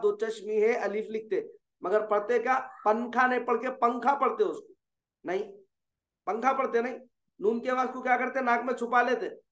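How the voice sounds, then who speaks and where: In an online tajweed lesson, a man with a high, fairly bright voice teaches the rules of Quran recitation. He explains patiently, often pausing to check whether students understand, and slows down for drawn-out examples. The room sound is dull and echoey.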